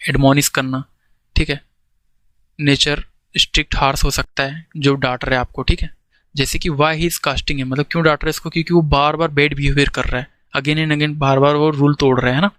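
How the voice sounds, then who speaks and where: A man's voice: fairly high pitch, a bit bright, dry recording. Hindi-speaking man teaching vocabulary. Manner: explains in Hindi with English words, frequent "ठीक है?" check-ins; slow, deliberate reading of English definitions. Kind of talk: exam-prep vocabulary lesson.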